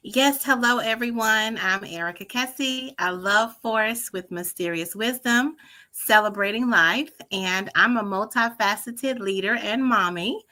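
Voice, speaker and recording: A woman's voice: fairly high pitch, measured pace, pushed and bright, rough recording. A woman who works as a business coach, introducing herself in a polished, confident way on a video call. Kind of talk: self-introduction.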